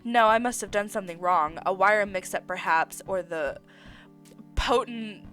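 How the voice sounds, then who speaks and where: A woman's voice: medium pitch, unhurried, fairly bright tone, soft background music, lightly acted. A woman voicing an earnest, apologetic older male scientist while reading a dating game aloud, with formal, fretful apologies.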